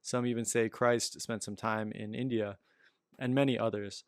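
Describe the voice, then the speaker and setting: A man's voice: on the low side, fairly even intonation, normal speed, dry recording, studio quality. A man giving a casual, reflective spiritual talk as a meditation teacher, filling his sentences with "you know" and "um.".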